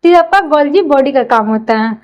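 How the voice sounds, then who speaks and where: Woman with a very high voice who teaches by everyday comparisons and quick questions she answers herself. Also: animated, muffled recording. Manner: keeps asking and answering her own questions. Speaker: biology teacher. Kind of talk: explanatory classroom lecture.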